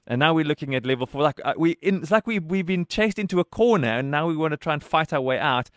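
Animated radio host. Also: male voice, a little high, fast talker, dry recording, clean studio sound. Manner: animated and conversational. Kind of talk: radio interview.

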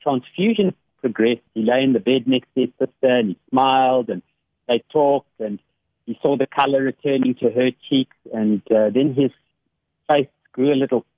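An earnest man speaks over a thin, phone-like radio line with no room echo. His voice sits at an ordinary middle pitch. He talks through a story with many small restarts and laughs easily. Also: normal speed. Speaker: radio guest, academic devotional speaker. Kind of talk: warm conversational devotional reflection.

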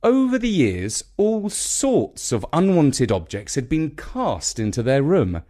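With a voice on the high side, a man with a British accent narrates a scripted children's story in a measured, expressive storytelling style.

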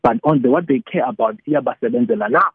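A man with a South African Xhosa accent on a phone-like line, informally explaining religious teaching as a guest, halting and repeating phrases while switching between two languages. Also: mid-range voice, slightly rough, no echo. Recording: narrow tinny phone-like line.

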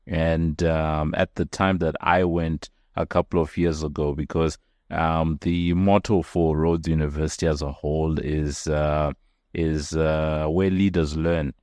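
A man's voice: a bass voice, little pitch movement, unhurried, a little mellow, no echo, clean studio sound. A man hosting a business interview podcast, talking with many fillers and restarts. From South Africa. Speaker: podcast host.

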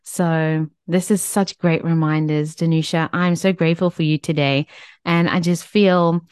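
A woman's voice: sits low, fairly even intonation, measured pace, a little mellow, clear, resonant tone, no room sound, studio quality. A woman hosting a radio interview, talking in an effusive, chatty way with many fillers and restarts. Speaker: radio host. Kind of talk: casual radio interview chat.

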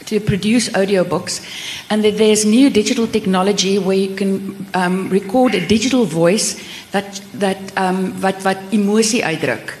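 A woman's voice: medium pitch, moderate pace, darkish tone. A woman with a South African accent, speaking informally as she moderates a panel discussion. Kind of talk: informal panel discussion mixing English and Afrikaans. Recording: echoey hall, faint background noise.

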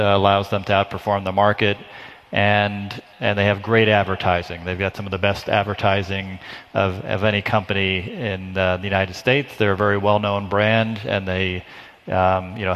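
A man on a conference panel fields audience questions in a measured way, often restarting his phrases. His voice sits fairly low. The sound carries the long reverb of a large hall. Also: fairly bright tone. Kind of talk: conference Q&A answer.

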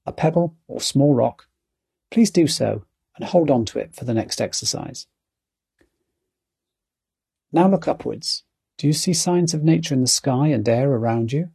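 Husky guy doing a calm guided mindfulness thing, soothing coach voice, bit of gravel in it. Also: medium pitch.

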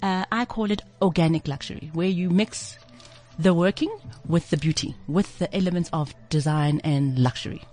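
Honeyed South African woman, lowish pitch. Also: moderate pace, mellow, faint music behind. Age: 40s or older. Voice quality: buttery, honeyed voice. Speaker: interior designer guest. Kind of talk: radio interview conversation.

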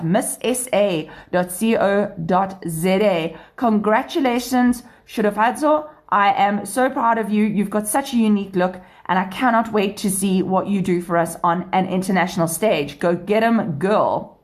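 A woman's voice: medium pitch, normal speed, hardly any pauses. A woman with a South African accent hosting a radio show, presenting in an enthusiastic, upbeat way that mixes scripted items with chat. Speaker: radio show and podcast host.

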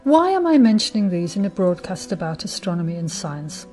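A woman hosting a short radio segment on astronomy, telling it in a wry, measured way. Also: lowish voice, very animated, warm tone, faint music behind. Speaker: radio host. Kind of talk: scripted radio talk on astronomy.

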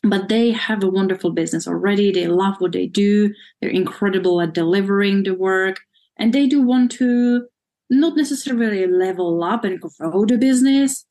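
A woman's voice: mid-range voice, normal speed, mellow. A woman from the Czech Republic with a Czech accent, giving earnest interview answers as a marketing consultant and explaining things in long lists.

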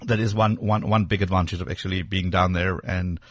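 A man's voice: deep voice, steady tone, dry recording. A man hosting a radio tech show in studio, chatting casually and enthusiastically with lots of fillers. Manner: enthusiastic, quick, filler-heavy.

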